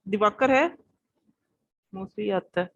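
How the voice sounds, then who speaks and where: Brisk woman teacher on a video call, dry and muffled lo-fi audio. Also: mid-range voice, fairly bright tone, no room sound. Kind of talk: online class roll call and lecture.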